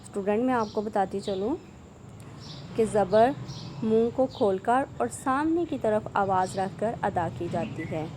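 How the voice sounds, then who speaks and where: A woman teaching Quranic letter pronunciation to a student. She drills each syllable slowly and clearly, then explains quickly in between. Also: medium pitch, background noise. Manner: addresses listener as "student", patient instructive tone. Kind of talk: online Quran pronunciation lesson.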